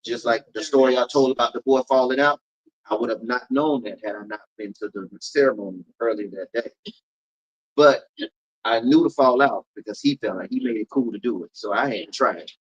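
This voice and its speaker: Animated comedian man riffing emphatically. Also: mid-range voice, a little fast, dull audio. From Polk County, Florida. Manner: animated, emphatic storytelling with repeated riffs. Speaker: comedian and event host. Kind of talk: casual interview talk.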